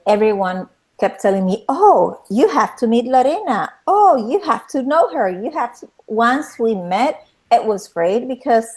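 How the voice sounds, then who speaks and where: A woman from Puerto Rico with a Puerto Rican Spanish accent, hosting a talk show interview in a lively way, with many fillers and restarts. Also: on the high side.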